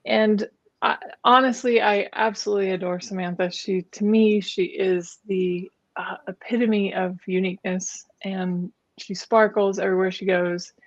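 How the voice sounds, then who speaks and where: A woman hosting a podcast, who opens with a soft guided meditation and speaks of her guest in gushing terms. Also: medium pitch, fairly even intonation, moderate pace, highs cut off. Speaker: podcast host. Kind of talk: podcast interview.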